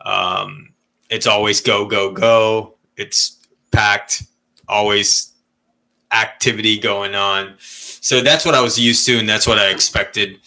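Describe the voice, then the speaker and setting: A man's voice: on the low side, fairly even intonation, takes it slowly, gravelly, bright, forceful tone. A man in his thirties from Malaysia, telling stories in a candid, rambling way as a podcast co-host in casual chat. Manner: candid, rambling storytelling with frequent swearing and laughs.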